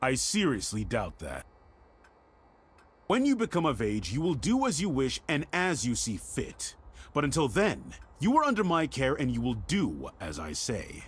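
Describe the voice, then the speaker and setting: A man's voice: mid-range voice, wildly swooping pitch, unhurried, husky, exaggerated voice. An actor playing a stern middle-aged director of a girls' home, formal and scolding, in a dramatic video game scene. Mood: cold, firm.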